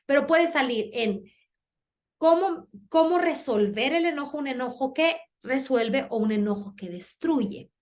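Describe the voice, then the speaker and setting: Lady giving a parenting talk, kinda high voice, super animated, does little voices. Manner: animated, acts out voices and dialogues. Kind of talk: conference talk.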